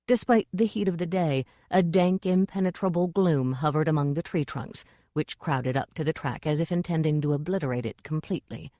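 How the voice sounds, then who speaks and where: A woman narrating an audiobook in a measured, dry reading style. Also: low voice, mellow, no echo. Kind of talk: scripted narration.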